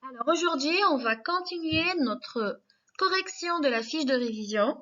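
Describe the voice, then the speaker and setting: A woman teaching small children remotely, her voice high and bright. She speaks very slowly and clearly, breaking words into sounds and syllables and offering frequent praise. The recording is dull and lo-fi. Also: animated. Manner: encouraging, praises often. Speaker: kindergarten teacher.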